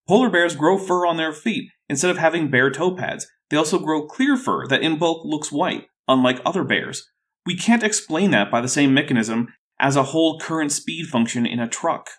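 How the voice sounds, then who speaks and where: A man's voice: fairly high pitch, moderate pace, a bit bright. A man with a thick, sore-throated voice hosting a scripted rebuttal video in a dry, skeptical way. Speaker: YouTube host.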